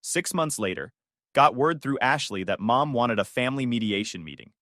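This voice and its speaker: A man narrating a first-person story in a measured, cool tone. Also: medium pitch, animated, sharp tone, dry recording, studio quality.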